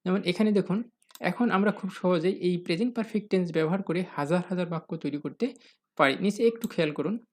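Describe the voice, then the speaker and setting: Teacher for a recorded grammar lesson. Patient and methodical, answers their own questions, and spells out each example sentence slowly. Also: medium pitch, darkish tone. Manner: addresses the viewers as "dear learners".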